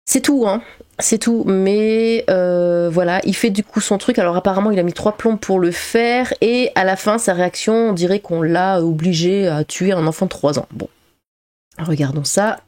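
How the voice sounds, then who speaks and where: A woman streamer giving casual commentary, filling pauses with 'euh', laughing and making sarcastic remarks as she reads out comments. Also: medium pitch, a little mellow, no echo.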